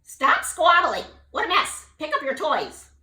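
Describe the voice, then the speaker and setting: A woman plays a fussy storybook mother toad who flutters and shrills. Her voice climbs very high and sounds bright, and it rings in an echoey room. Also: wildly swooping pitch, a little slow, full character voice. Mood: scolding.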